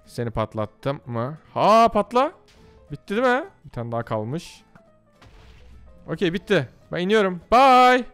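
A man giving lively live gameplay commentary, excitable and talking to himself and the game as he plays. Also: medium pitch. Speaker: gaming YouTuber.

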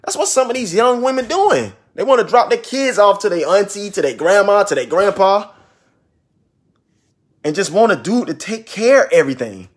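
Young male ministry vlogger, husky and animated, emphatic repeater. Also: high-pitched, moderate pace. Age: 20s. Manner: emphatic, repeats phrases for stress. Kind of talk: preachy casual monologue.

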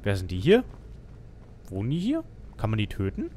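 German streamer guy commentating, animated voice, grumbles at his companion, slight hiss. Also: on the low side, normal speed. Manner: grumbling and mocking, swears at companion. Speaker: let's play streamer. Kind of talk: casual game commentary.

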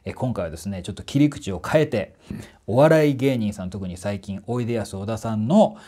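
A man's voice: lowish voice, fairly quick, dark tone. A man from the Kanto region, a voice trainer giving a chatty, emphatic solo talk with polite asides. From Kanto, Japan.

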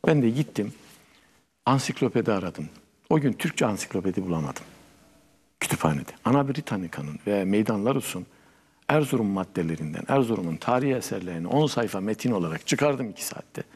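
Older man telling a lively story. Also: fairly low pitch, brisk, slightly rough, in a large hall. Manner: animated storyteller acting out dialogue. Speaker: guest, poet and writer. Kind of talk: storytelling in a studio interview. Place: television studio.

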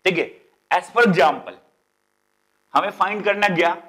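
High-voiced chatty chemistry teacher. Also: male voice, sharp tone. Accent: Bihari Hindi. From India. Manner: chatty, asks students rhetorical questions; drags out English terms slowly while writing. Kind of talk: classroom lecture.

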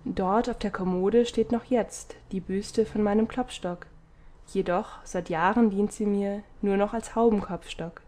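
A woman voicing a stately, motherly city goddess in an audiobook, with a measured, gently reproachful delivery. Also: mid-range voice, fairly even intonation, lightly acted. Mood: fond. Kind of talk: audiobook character reading.

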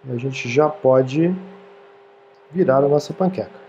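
A man in his thirties, speaking at a medium pitch and measured pace with a warm tone, hosts a casual cooking demonstration from a small home-style studio kitchen indoors. He's friendly and chatty, often checking in with viewers and repeatedly asking "tá, gente?". The audio is dull, with slight background noise.

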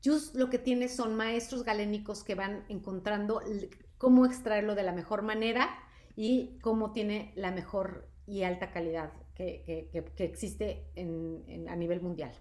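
A woman hosting a live product presentation, chatty and lively, constantly checking in with her audience. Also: medium pitch, normal speed. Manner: lively, chatty, asks "¿sí?" often. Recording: echoey room.

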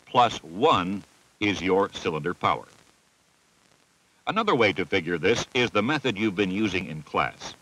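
In a dry, poor-quality voice-over recording, an American man with a deep voice reads instructional narration scripted for a training film. Each step stands out through his lively pitch movement, and his delivery stays methodical and instructive.

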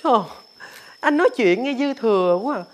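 A woman's voice: on the high side, expressive, moderate pace. A woman with a Southern Vietnamese accent playing a cocky, boastful young sibling, retorting with mock exasperation. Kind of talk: rural family TV drama.

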